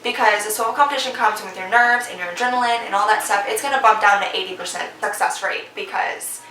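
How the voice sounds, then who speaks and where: A woman's voice: mid-range voice, fast talker, bright, forceful tone, distant mic. A young woman vlogger giving casual, encouraging competition advice, chatty with lots of fillers. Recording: echoey room, voice a bit off-mic.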